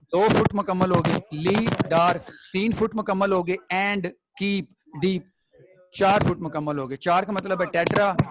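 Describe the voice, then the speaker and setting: A man's voice: sits high, slight background noise, low-quality recording. A man teaching a classroom poetry lesson. He explains step by step and keeps checking that the students follow.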